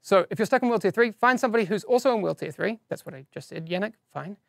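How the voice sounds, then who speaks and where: A man's voice: sits high, animated, fast, vocal fry, no room sound, studio quality. A man with a non-standard English accent hosting a live game-news stream, giving casual updates with chatty, self-deprecating asides. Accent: non-standard English accent, teased by viewers.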